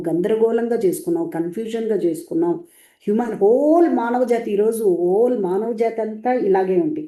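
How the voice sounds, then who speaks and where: Woman translating spiritual teachings; very warm, dark voice, insistent lecturing delivery, recorded with a roomy echo. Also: medium pitch. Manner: repetitive, emphatic, lecturing.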